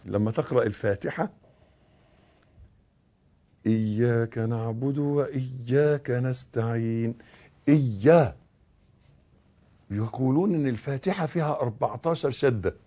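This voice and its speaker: A man with an Egyptian Arabic accent, giving a religious lesson on prayer and recitation, who corrects mistakes and demonstrates with slow, soft recitation. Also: mid-range voice, muffled recording. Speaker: religious teacher. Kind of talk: instructional talk on prayer and recitation.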